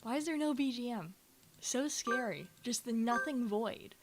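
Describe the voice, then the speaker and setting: A woman streamer telling an animated story between game lines, laughing often, swearing freely and talking back to her chat. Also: a little high, normal speed, background noise. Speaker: streamer playing a visual novel.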